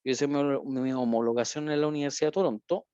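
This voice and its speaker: A man's voice: a little high, fast, dark tone, clean tone, dry recording. A man, a psychologist and caregiver, answering a seminar question in a conversational, explanatory way with frequent fillers. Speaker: invited speaker, psychologist and caregiver. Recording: dull, dry video-call audio.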